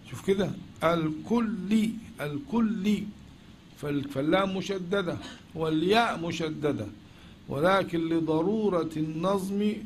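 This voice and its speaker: A man's voice: fairly high pitch, a little hiss or hum. A man with an Egyptian accent teaching a lecture, often asking questions and then answering them himself. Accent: Egyptian Arabic. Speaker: teacher of logic. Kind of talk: classroom lecture.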